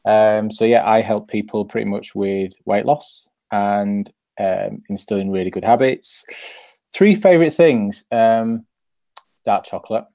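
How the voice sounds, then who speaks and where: A man's voice: fairly low pitch, a little slow, vocal fry, dark tone, no room sound. A man, a nutritionist and personal trainer chatting casually as a guest on a live stream, easygoing and cheeky. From Bradford, Yorkshire. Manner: easygoing, cheeky, lots of ums and yeahs.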